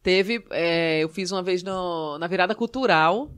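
A woman from Northeast Brazil with a Northeastern Brazilian accent, a stand-up comedian telling stories in a casual podcast chat, animated and full of acted quotes. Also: fairly low pitch, measured pace, clean tone.

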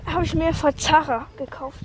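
A woman playing a scatterbrained 66-year-old mother in a comedy sketch. She is hoarse from a cold and rambles crudely outdoors on a rainy street. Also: high voice, fairly even intonation, normal speed, a little hiss or hum, lightly acted. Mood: chatty. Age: 60s. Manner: talks quietly so she won't wake the neighbours. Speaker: title character. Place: outdoors on a steep street in the rain.

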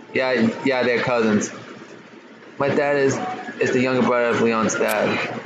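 Over loud game music, a man with a mid-range voice streams a game and reads its text aloud in a casual let's-play style. The sound is lo-fi, and he stutters on some words, stumbling and restarting, with slangy asides tossed in.

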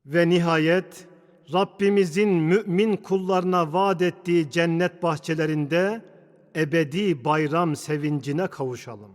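A man, an imam, giving a Friday sermon in a slow, measured, solemn recitation, his voice ringing through the long echo of a large mosque hall. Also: a little high.

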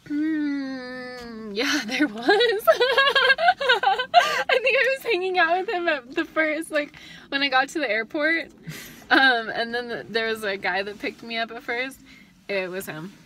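A woman's voice: high voice, slow, noisy background. A woman co-host in casual chat, playful and rambling, laughing often.

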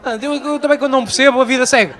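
A young man with a Portuguese accent doing live stand-up, bantering loudly with the audience and swearing freely. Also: very high-pitched, very fast. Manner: loud, profane banter with the audience. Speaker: stand-up comedian. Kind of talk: live stand-up with crowd work. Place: comedy stage before a live audience. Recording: live show with faint crowd noise.

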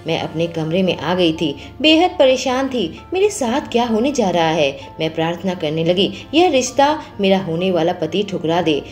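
Expressive woman narrating a first-person story. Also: normal speed, hardly any pauses, soft background music. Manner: expressive, voices quoted lines with lifted pitch.

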